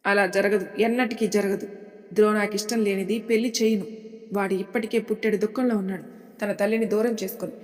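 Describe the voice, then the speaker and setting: A woman narrator plays a gentle elderly grandmother with a soft, reasonable way of talking. She reassures rather than argues. A long reverb trails her words. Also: mid-range voice, steady tone, brisk, natural voice. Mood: calm.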